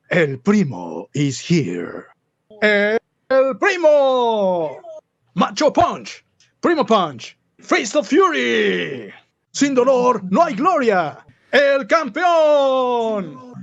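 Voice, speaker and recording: A man's voice: very high-pitched, gravelly, heavily acted. An actor playing a proud, bombastic luchador wrestler in a video game, with a grandiose showman's delivery, in slightly muffled sound. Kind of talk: video game character catchphrases.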